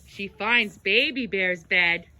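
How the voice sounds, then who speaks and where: A woman's voice: medium pitch, takes it slowly, sharp tone. A woman narrating a children's storybook tale aloud, with dramatic exclamations and gasps.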